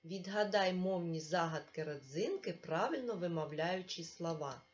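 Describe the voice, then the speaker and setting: A woman's voice: lowish voice, lively intonation. A woman teaching a remote lesson to young children, patient and encouraging and speaking straight to the pupil. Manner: slow, patient, encouraging, addresses the pupil directly. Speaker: primary school teacher. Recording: dull lo-fi recording.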